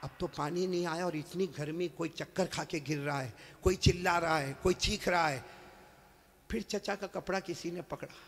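A man preacher telling a story at a live religious gathering, swinging from hushed narration to shouted exhortation and calling on the crowd to answer. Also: fairly high pitch, normal speed, in a large hall, a little hiss or hum. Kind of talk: dramatic storytelling sermon.

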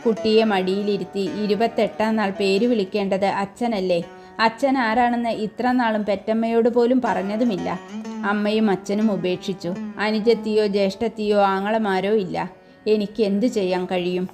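A woman's voice: mid-range voice, steady tone, moderate pace, a little mellow, soft background music, close to an everyday voice. A woman voicing a young abandoned mother who speaks in a sorrowful, pleading way in a storybook reading.

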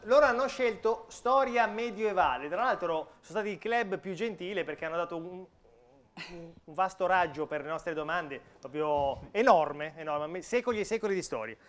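High-voiced man hosting a quiz. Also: animated, moderate pace, a bit bright. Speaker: quiz show host. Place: stage in a hall with seated audience.

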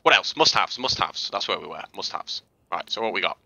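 A man casually talking through game footage as a tutorial host, chatty and relaxed, with fillers and restarts. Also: deep voice, fairly quick, vocal fry, noisy background. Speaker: gaming video host. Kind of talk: casual gameplay commentary and tutorial.

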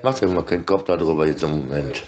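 A very deep, darkish voice belongs to a middle-aged man who rambles offhandedly, stumbling through fragmented sentences and repeating himself. He records on a phone held right up to his face.

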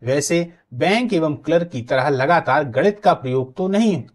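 A man's voice: a little high, expressive, moderate pace. A man teaching an exam coaching class. He explains points through worked examples, stresses key words and checks in with his students.

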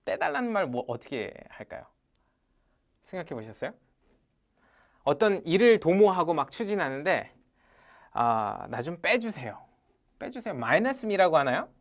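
Energetic teacher running English drills. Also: mid-range voice, normal speed, pauses often. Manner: energetic, calls out drills and repeats phrases loudly. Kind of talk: live English lesson with class drills. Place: lecture room with a live audience.

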